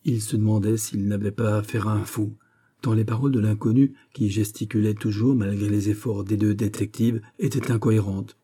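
A man narrating an audiobook in a steady, measured way. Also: fairly low pitch, husky.

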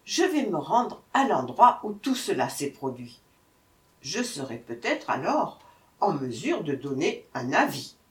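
A woman voicing a sly male jackal who plays dumb in a storybook tale, whining in a high, drawn-out, fretful voice. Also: big pitch swings. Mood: whiny feigned confusion. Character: sly male jackal feigning silly confusion. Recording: echoey room, voice from far off.

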